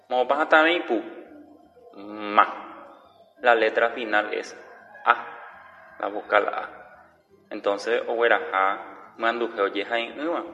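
A man teaching a language lesson, going slowly and drawing out each example word. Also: fairly low pitch, pushed and bright, in a large hall, dull audio. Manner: slow, deliberate, drawing out example words.

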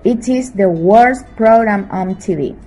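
Slow, mellow woman teaching English. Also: medium pitch, faint music behind, rough recording. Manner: checks in with frequent "¿sí?"; slow English examples, quicker Spanish explanations. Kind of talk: bilingual grammar lesson.

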